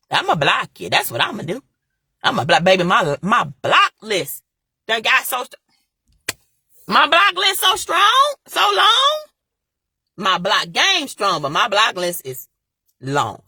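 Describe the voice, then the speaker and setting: Sharp and husky at a medium pitch, a young woman gives a fervent motivational talk, recorded at studio quality with no room sound. As a vlogger, she lectures her audience head-on and repeats her points again and again.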